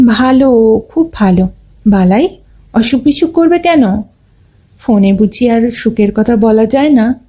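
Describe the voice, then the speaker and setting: A woman's voice: on the high side, unhurried, pauses often. A woman voicing a playful, affectionate young wife who teases her husband in a story. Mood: teasing. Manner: teasing, lively.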